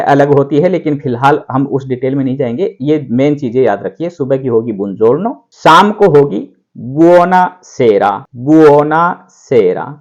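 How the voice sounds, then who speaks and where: A man teaching a beginner language lesson, repeating words slowly and drawn out for listeners to practice along. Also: medium pitch, a little mellow, muffled recording. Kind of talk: instructional video lesson.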